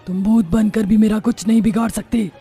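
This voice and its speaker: A woman's voice: mid-range voice, steady tone, brisk, close to an everyday voice. A woman voicing a bossy, quarrelsome old witch mother-in-law in a cartoon, scolding and taunting. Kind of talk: cartoon voice acting. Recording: soft music behind.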